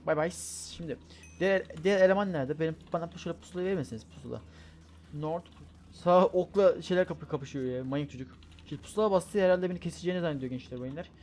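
A man giving playful gameplay commentary, rambling quickly, correcting himself mid-word and trash-talking the other players. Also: a little high, a little mellow, slight background noise. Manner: joking, trash-talking at opponents; rapid, rambling chatter with self-corrections. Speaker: gaming YouTuber.

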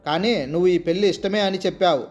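A man's voice: high voice, fast, lo-fi sound, soft background music, lightly acted. A man reading as a worried younger sister. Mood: pleading. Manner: pleading, questioning.

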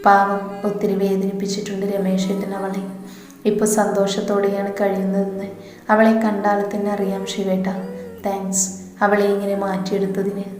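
Woman reading as a teasing young woman: steady flat delivery, echoey room with long reverb. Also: medium pitch, moderate pace, soft background music, close to an everyday voice. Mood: earnest. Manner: teasing, coaxing.

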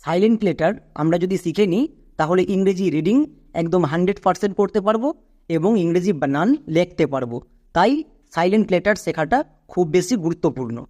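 High-voiced man teaching a lesson. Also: fast talker, a little mellow. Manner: explains step by step, repeats rules, asks the class questions. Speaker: English pronunciation teacher. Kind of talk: classroom-style spoken lesson.

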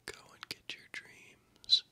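A man gives a whispered ASMR ramble right up against a binaural microphone. His breathy, unvoiced whisper is very crisp and bright, and it comes slowly, with long halts, shifting between the left and right ear in a gentle, encouraging way. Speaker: ASMR channel host. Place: small room indoors at night. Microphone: binaural microphone, very close.

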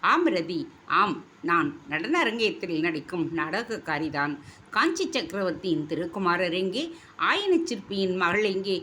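A woman voicing a proud young female dancer who speaks with hurt, sharp indignation. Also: fairly low pitch, big pitch swings, measured pace, slight background noise, full character voice. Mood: indignant. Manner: indignant, sharp, tearful reproach. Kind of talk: storybook reading.

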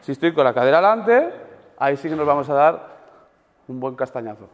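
A man coaching a weightlifting seminar group, animated and demonstrative, checking in with his listeners after almost every point. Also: fairly high pitch, fairly quick, highs cut off. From Spain. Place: large gym hall. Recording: long gym reverb.

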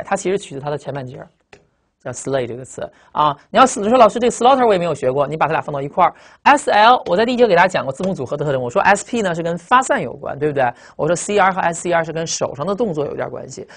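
An English vocabulary teacher, lecturing in an emphatic way and trailing phrases with drawn-out particles. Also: medium pitch.

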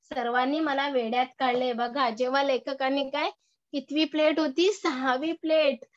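A woman's voice: high-pitched, dry recording, muffled recording. A woman teacher with a Marathi accent, reading lines from a story and explaining each one to her class with rhetorical questions. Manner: reads a line, then explains it in plain words with rhetorical questions. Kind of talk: explaining a textbook lesson to a class.

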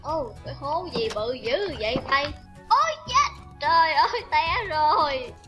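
A woman's voice: high-pitched, big pitch swings, unhurried, dull audio, pitched above the performer's own voice. A woman voicing a frail, panicky old grandmother who keeps asking flustered questions. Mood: alarmed. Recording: game-video voice over loud music.

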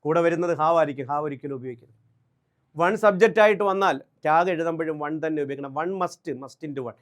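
Brisk high-voiced Malayali man teaching. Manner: brisk and drilling, repeats English examples slowly. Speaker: English teacher. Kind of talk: exam-prep grammar lesson.

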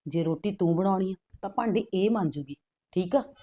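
A woman's voice: on the low side, expressive, moderate pace, warm tone. A middle-aged woman acting a scheming mother who eggs her daughter on in a family drama. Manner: scolding, scheming. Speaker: mother of the wife.

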